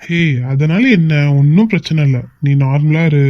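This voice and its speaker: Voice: mid-range voice, normal speed, no echo, close to an everyday voice. A voice actor plays a kind young man in a cartoon who soothes and reassures a crying friend. The sound is dry and close but a little dull and lo-fi. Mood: reassuring. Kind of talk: cartoon voice acting.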